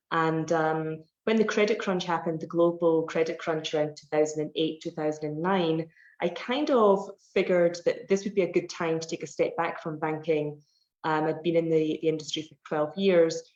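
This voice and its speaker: A woman's voice: low voice, darkish tone. A Scottish woman in her forties, a personal trainer chatting in an interview, explaining at length with many fillers. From Scotland. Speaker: personal fitness trainer, guest. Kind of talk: casual interview answers. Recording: roomy, dull online call audio.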